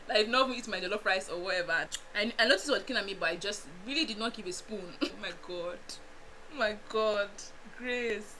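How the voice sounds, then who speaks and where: Speaking at a medium pitch, this young Nigerian woman tells an animated storytime to her vlog audience in a Nigerian accent, often laughing and going off on asides. The recording is poor, with a bit of hiss or hum.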